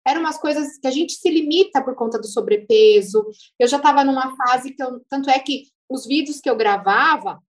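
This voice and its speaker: With a high, brisk voice and hardly any pauses, a Brazilian Portuguese-accented speech therapist narrates her own story as an interview guest. The chat is informal and lively, broken by the odd laugh.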